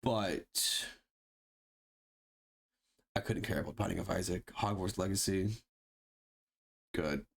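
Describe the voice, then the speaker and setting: Low-voiced chatty male streamer, swearing. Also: slow, gravelly, long pauses, breathy edge. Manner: chatty, swears freely, sarcastic asides; talks to himself while browsing and fiddling. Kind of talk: casual live gameplay commentary.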